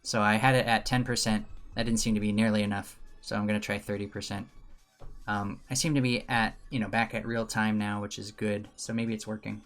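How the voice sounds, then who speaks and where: A man's voice: fairly low pitch, flat delivery, brisk, fairly bright tone, soft background music. A man who teaches, chatting casually while streaming game development, rambling, with dry sarcastic asides. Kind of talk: casual livestream chat.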